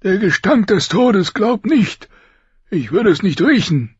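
A man voicing a dying, wounded king with a raspy voice, barking out harsh commands in an audiobook. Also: high-pitched, sing-song, slow, no room sound, highs cut off, voice pushed up, full character voice. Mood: bitter, rough. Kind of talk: audiobook character voice.

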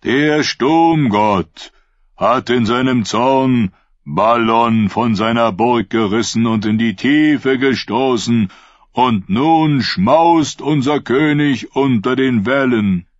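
A man voicing a fervent prophet in an audiobook, preaching to his followers in a slow, raised, solemn manner. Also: mid-range voice, no room sound, voice pushed up, natural voice. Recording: dull lo-fi dry recording.

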